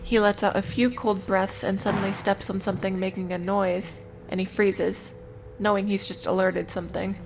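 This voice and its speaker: With music playing beneath her, a woman delivers an informal, scripted video essay recap peppered with wry asides. Her voice is medium-pitched and level, showing little rise and fall, at a moderate pace.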